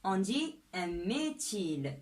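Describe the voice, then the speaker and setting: A woman's voice: mid-range voice, sing-song, a little mellow. A woman teaching a chemistry lesson step by step, often checking in with "d'accord?". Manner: slow and deliberate, often asks "d'accord?".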